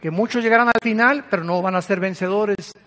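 A woman's voice: mid-range voice, fairly quick, fairly bright tone. A woman preaching a sermon with passion, acting out quoted speech. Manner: impassioned, acts out quoted speech. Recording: long hall reverb.

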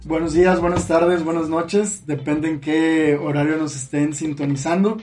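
A man's voice: on the high side, level tone, normal speed, a little mellow, soft background music. A man hosting a casual podcast interview, friendly with short replies. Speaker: podcast host.

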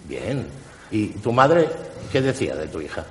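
A man leading a guided hypnosis session, slowly and insistently questioning someone about a memory. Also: on the low side, very animated, echoey room, in a large hall.

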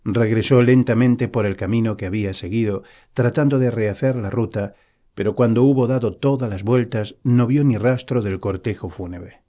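A man narrates an audiobook in a calm, steady, unhurried way. His voice sits somewhat low, with a mellow, soft tone. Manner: calm, even storytelling.

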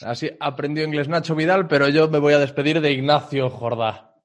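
A man's voice: on the high side, steady tone, a little fast. A man from Spain hosting a podcast, talking in a friendly, informal way and laughing easily with his guest. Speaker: podcast host. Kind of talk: casual interview chat and outro.

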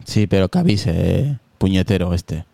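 A podcast host runs a casual tech chat from his hot living room, joking around and teasing his co-hosts. His low, gravelly, dark voice is expressive and moves at a normal speed with no echo, recorded through a computer with a phone camera on a video call.

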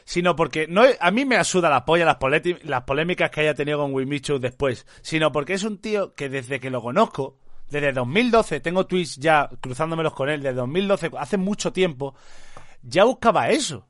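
A man's voice: a little high, animated, normal speed, fairly bright tone, no echo, studio quality. A man from in a casual chat, talking animatedly, laughing often and mimicking others.

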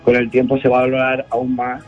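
A man's voice: mid-range voice, monotone, brisk, faint music behind. A man, chatting casually in a radio interview with many fillers and restarts. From Spain, La Mancha. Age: 30s. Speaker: DJ and festival ambassador. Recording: muffled radio broadcast.

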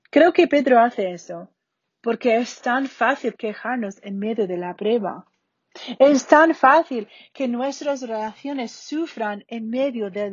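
A woman from Spain, giving an earnest Bible study talk in a slow, deliberate way. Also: mid-range voice, darkish tone, husky, no room sound. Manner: slow, deliberate, earnest delivery with falling phrase ends. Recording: dull muffled recording.

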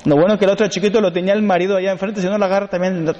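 A man's voice: sits high, little pitch movement, racing, dark tone, lo-fi sound. A man, a priest giving a sermon in emphatic repeated lists, with humorous storytelling asides. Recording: long hall reverb, faint background noise.

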